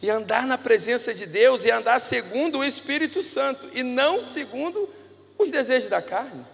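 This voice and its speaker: A preacher with a high, gravelly voice delivers his sermon like a story, sometimes dropping low and sometimes rising loud. His voice carries through a large echoing hall over faint music. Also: animated, moderate pace. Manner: conversational storytelling, swings between hushed and loud.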